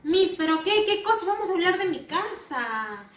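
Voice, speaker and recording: A woman's voice: very high voice, big pitch swings, moderate pace, fairly bright tone, voice pushed up, exaggerated voice. A woman playing a curious little pupil. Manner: eager questioning, always opening with "Miss". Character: curious young schoolchild asking the teacher. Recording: roomy, slightly distant, faint noise.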